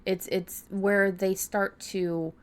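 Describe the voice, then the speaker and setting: A woman co-hosts a podcast, discussing writing advice casually and informally, frequently rambling and correcting herself. Her mid-range voice is level in tone and slow.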